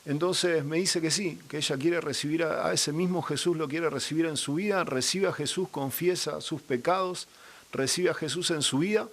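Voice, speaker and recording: A man's voice: on the high side, moderate pace, fairly bright tone. A young man gives a personal faith testimony as a guest. He tells his story earnestly and acts out the dialogue he quotes.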